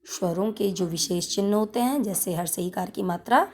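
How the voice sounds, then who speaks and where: A woman teacher explaining a grammar lesson to children, repeating key points in a deliberate way. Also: medium pitch, darkish tone. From India. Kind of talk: slow classroom lesson explanation.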